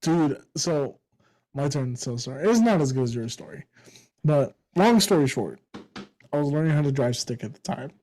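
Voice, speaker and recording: A young man with a fairly high voice chats casually on a podcast. He tells stories with lots of laughter and animated energy, often breaking into chuckles mid-sentence. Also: moderate pace, rough recording. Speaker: podcast co-host. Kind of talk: casual podcast chat and storytelling.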